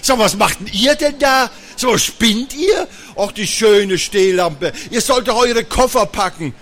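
A man's voice: high voice, steady tone, moderate pace. A man reading a children's story aloud, voicing a stern, flustered mother scolding her children. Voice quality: loud and scolding.

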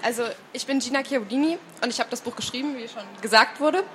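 A woman's voice: on the high side, fast talker, a bit bright, a little hiss or hum. Nervous woman author at a reading. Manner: nervous, hesitant, with fillers. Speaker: author reading her book. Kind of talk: introduction at a live reading. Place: reading event before an audience.

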